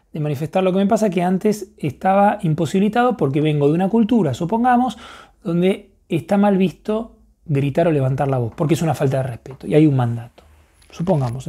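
A man, an instructor of therapy and coaching who teaches in a relaxed way, thinks aloud and keeps checking in with his listeners. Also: a little high. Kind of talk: explanatory teaching talk.

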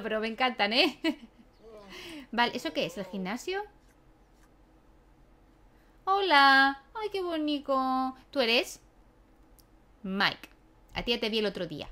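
In her let's-play of a life-sim game, a young YouTuber speaks in a high, pushed, bright voice with lively intonation, going a little slowly and pausing often. She talks to her characters casually and laughs frequently.

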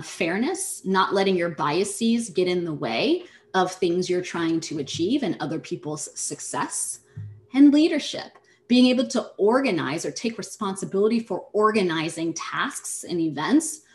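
Woman presenting a workshop, roomy sound. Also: mid-range voice. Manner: measured, explanatory, addresses the audience directly. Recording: roomy echo.

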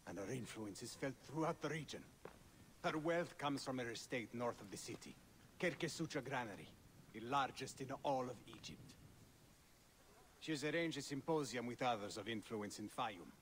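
Man doing a grim warrior hero, steady grave delivery, mid voice, bit of game ambience behind. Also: mid-range voice, a little hiss or hum, lightly acted. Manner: measured, grave.

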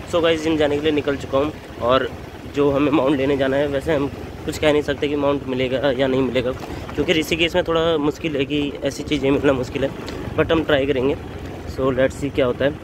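A young man in his twenties vlogging casually to a handheld camera, chatty and relaxed, dropping in English phrases. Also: medium pitch. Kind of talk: casual vlog talk to camera. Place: outdoors on streets and in a small shop. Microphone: handheld camera at arm's length. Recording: noisy outdoor street sound.

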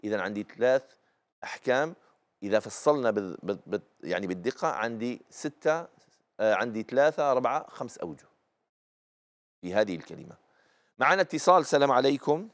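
A man's voice: mid-range voice, sing-song, fast talker, pauses often. Algerian man patiently teaching recitation rules. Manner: patient, explanatory, repeats key rules. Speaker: Quran recitation teacher and host. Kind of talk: live TV lesson on recitation rules, taking calls.

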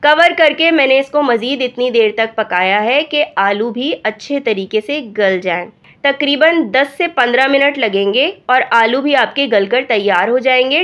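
A woman with a hoarse voice from a cold, calmly talking through a recipe step by step as a cooking channel host. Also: on the high side. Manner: calm step-by-step instructing. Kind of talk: recipe voice-over narration. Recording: dull lo-fi voice-over.

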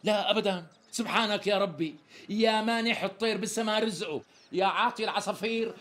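An actor with a Syrian accent playing a flattering tailor who talks around the price in flowery sales patter. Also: male voice, high-pitched, quick pace. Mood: coaxing. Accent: Syrian Arabic. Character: smooth-talking flattering tailor who dodges naming a price. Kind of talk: TV sketch comedy acting.

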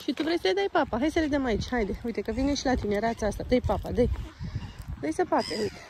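A woman from Romania with a high voice films herself on a handheld phone in a town park, speaking gently to her toddler. She coaxes her child in a sing-song way and drops English words into her speech. A faint hum of the outdoors sits behind her. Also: animated, vocal fry. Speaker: vlogger and mother. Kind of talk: casual vlog chat with her toddler.

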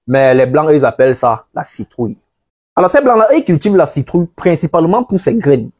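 A man with a somewhat high voice hosts a farming channel and talks through a clip. He speaks French as a second language and addresses his audience like friends in an easy, explanatory manner. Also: a little mellow, breathy edge. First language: not French. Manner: chatty, addresses viewers as friends. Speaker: agriculture channel host. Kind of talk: explanatory video commentary.

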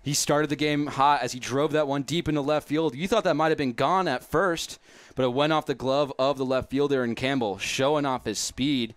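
A man's voice: medium pitch, steady tone, normal speed, no echo. Young man hosting a sports show. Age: young adult. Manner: upbeat, polished broadcaster delivery. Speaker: postgame show host. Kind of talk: sports postgame recap. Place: stadium broadcast booth. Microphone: headset mic.

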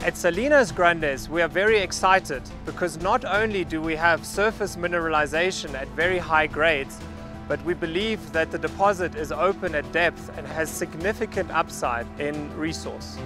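A man in his thirties gives a measured, factual on-site briefing to camera outdoors on a salt flat, speaking as a mining company representative on a lapel mic. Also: fairly high pitch. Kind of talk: on-site project presentation to camera. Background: background music.

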